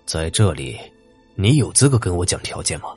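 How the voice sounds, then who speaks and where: A man voicing a cruel, greedy male army officer who makes low, quiet threats. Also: a little fast, slightly rough, faint music behind. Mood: menacing.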